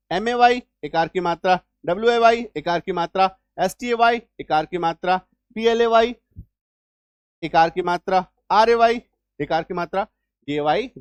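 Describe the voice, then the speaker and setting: A man's voice: high-pitched, no echo. A man teaching English spelling rules, repeating points and often checking that the students follow. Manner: repetitive, checks understanding often. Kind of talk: classroom-style spelling lesson.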